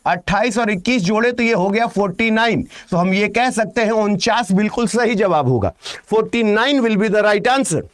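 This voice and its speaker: A man teaching an exam-prep reasoning lesson, talking loudly and emphatically and firing rhetorical questions at his students. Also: high-pitched, moderate pace.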